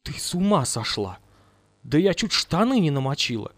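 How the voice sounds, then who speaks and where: A man's voice: on the high side, sing-song, normal speed, dry recording. A man voicing a frightened, simple-minded woman who mumbles and exclaims in a fluster.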